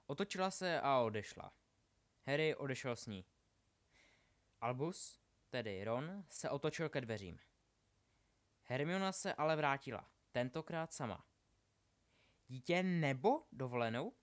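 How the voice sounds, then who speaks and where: A man narrating a novel aloud in steady storytelling, slowing down for effect. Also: mid-range voice. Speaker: reader. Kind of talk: audiobook narration.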